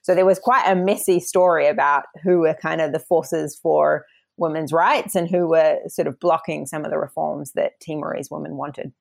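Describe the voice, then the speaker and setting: Conversational and reflective, a New Zealand woman with a broad accent answers interview questions as an academic author, taking time to explain. Her voice sits low with vocal fry, fairly even intonation, and a normal speed.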